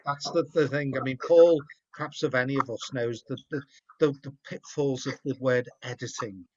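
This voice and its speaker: A man's voice: mid-range voice, fairly even intonation, moderate pace, darkish tone. Host, man, rambling and encouraging, muffled video-call audio. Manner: rambling, encouraging, repeats words. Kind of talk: casual chat.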